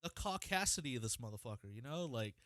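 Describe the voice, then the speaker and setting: A mid-range male voice, fast and cleanly recorded without room echo, belongs to an Ohio-born podcast co-host from the United States. In a casual chat he rants energetically and swears a great deal.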